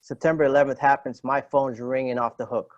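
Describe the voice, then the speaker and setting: A man's voice: medium pitch, level tone, a little fast, dry recording, highs cut off. A man in his fifties, a retired Marine sergeant, telling stories in an interview, acting out quoted dialogue with many fillers and restarts. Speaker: retired Marine master gunnery sergeant, podcast guest. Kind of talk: casual interview storytelling.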